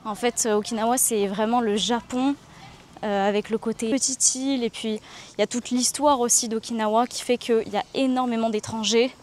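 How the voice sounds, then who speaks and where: A woman's voice: on the high side, steady tone, moderate pace, darkish tone, a little hiss or hum. A French woman in her twenties, vlogging while walking outdoors and talking candidly and reflectively, with many hesitations. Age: 20s. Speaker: travel vlogger. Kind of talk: casual confiding vlog.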